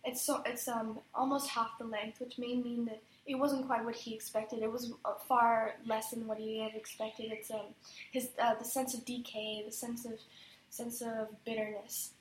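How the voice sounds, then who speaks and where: A woman student answering in an oral exam, hesitant and restarting her sentences often. Her voice is fairly high but held in a flat, narrow range. The room is echoey, with faint ambient noise behind her. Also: moderate pace. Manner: hesitant, frequent restarts and fillers.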